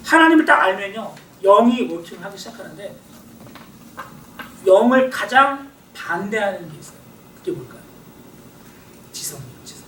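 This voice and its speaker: A middle-aged male pastor giving a sermon lecture in a church hall, acting out inner voices and swinging between loud and quiet. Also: high-pitched, big pitch swings, moderate pace, pauses often. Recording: echoey hall, voice from far off, faint hiss.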